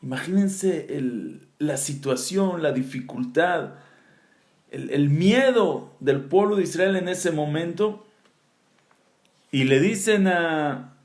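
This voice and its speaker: High-voiced rabbi teaching in an echoey room. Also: male voice, takes it slowly. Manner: animated storytelling, reciting Hebrew verses then explaining them. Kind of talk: Torah lesson.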